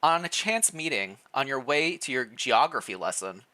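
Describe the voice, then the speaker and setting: A streamer with a mid-range voice reads fan fiction aloud at a moderate pace, playful and expressive, weaving in casual livestream chatter.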